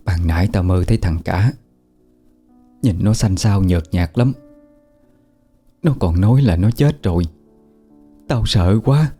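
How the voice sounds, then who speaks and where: A man's voice: low-pitched, unhurried, pauses often, warm tone, breathy edge, faint music behind. A man voicing a frantic mother worried about her missing son, who talks anxiously and scolds in a raised voice. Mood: shaken.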